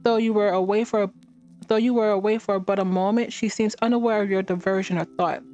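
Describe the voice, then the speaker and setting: A woman reading a fantasy game's text aloud during a let's play, with halting restarts and short reactions of her own. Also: medium pitch, steady tone, mellow, faint music behind.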